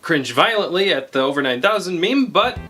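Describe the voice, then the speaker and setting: A man's voice: a little high, big pitch swings, moderate pace, bright, forceful tone, soft background music. A man narrating a video game review with joking asides and playful commentary.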